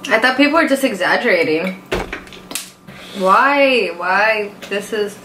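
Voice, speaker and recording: A woman's voice: mid-range voice, animated, measured pace. A young woman in casual chat, suffering with a mouth burning from spicy food. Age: young adult. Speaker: friend joining a food challenge. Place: small indoor room at a table. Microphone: camera a short distance away. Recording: roomy echo, faint noise, clicks.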